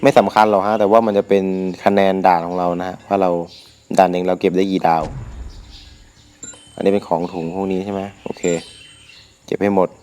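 A man's voice: sits low, fairly quick, long pauses, clear, resonant tone. A young man with a sore throat hosting his gaming channel, commenting casually and crudely as he plays, often talking to himself. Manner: crude, excitable, talks to himself while playing. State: sore throat, can't shout.

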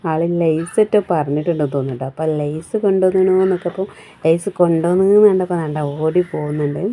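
A woman's voice: sits low, mellow, slight background noise. A woman, chatting casually through a home vlog as a mother, with a cold that has changed her voice and a rambling style full of tag words.

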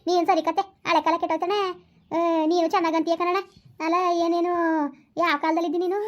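A woman in a village comedy sketch who scolds and consoles in rapid bursts. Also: very high-pitched, flat delivery. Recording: dull lo-fi sound.

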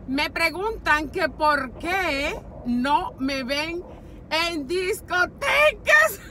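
Slow-talking Dominican woman vlogging from her car. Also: high voice. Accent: Dominican Spanish. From Dominican Republic. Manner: unhurried, chatty, many fillers like "este". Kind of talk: casual chat answering viewer questions. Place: inside a car while driving. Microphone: phone held at arm's length. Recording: car and street noise behind.

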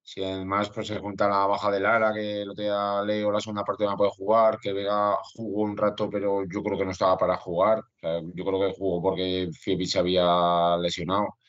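A man on a sports panel giving measured, plain-spoken analysis. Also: on the low side, flat delivery, dry recording. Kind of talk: casual sports talk show. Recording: dry, dull video call audio.

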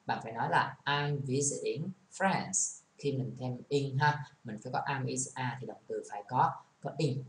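A man's voice: mid-range voice, moderate pace, few pauses. A man with a Vietnamese accent teaches an English lesson, walking through each example with patient explanation. His voice sits in the middle range. It rings in an echoey room, with a faint hiss underneath. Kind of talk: classroom lesson.

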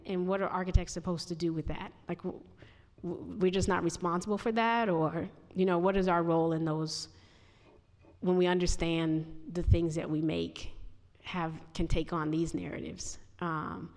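A woman's voice: on the low side, fairly even intonation, normal speed, darkish tone. A woman with a Chicago accent, an artist and architect, answering questions at a lecture podium in a thoughtful, self-correcting way. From United States. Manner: reflective, frequent restarts and "like". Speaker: visiting artist and architect giving a talk. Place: large auditorium, speaking at a podium. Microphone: podium microphone. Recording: hall reverb in a large auditorium.

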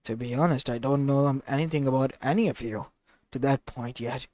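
A man's voice: medium pitch, fairly quick, a little mellow, dry recording, voice pushed down, natural voice. A man voicing a brash, goofy teenage boy ninja who stammers when flustered. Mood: unsure.

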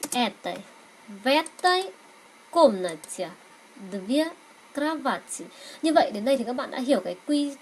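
A woman with Vietnamese as her first language teaching a Russian grammar lesson, saying words slowly and repeating them so learners can echo. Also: fairly high pitch, slight background noise.

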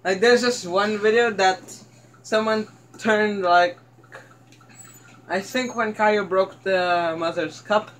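A young man chatting and laughing excitedly while playing a video game with a friend. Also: sits high, slow, long pauses, slight background noise. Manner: giggly, excitable, squeals on surprises. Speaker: gamer. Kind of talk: casual gameplay chat.

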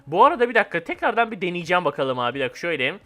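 A young man with a high voice hosts his gaming channel, racing through live commentary on a game. He swings between hyped shouting and calm muttering to himself.

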